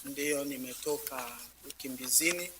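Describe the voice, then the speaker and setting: A man's voice: mid-range voice, moderate pace, background noise. A man from Congo speaking in short phrases for an interpreter at a council meeting. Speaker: community leader. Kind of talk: public comment speech.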